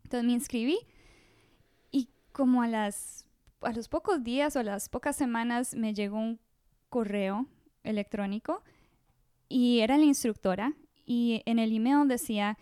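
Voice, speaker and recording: A woman in her thirties with a fairly high, clean, smooth voice, recorded close and dry. She talks as a podcast guest, chatty and loose, often doubling back mid-sentence. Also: measured pace, warm tone, dry recording. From Costa Rica. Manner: chatty, with frequent restarts and fillers. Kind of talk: casual interview storytelling.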